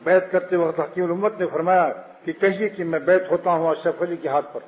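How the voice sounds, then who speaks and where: A man's voice: high voice, steady tone. A man giving a religious sermon, explaining his points and telling anecdotes. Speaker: preacher. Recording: phone-like with long hall reverb.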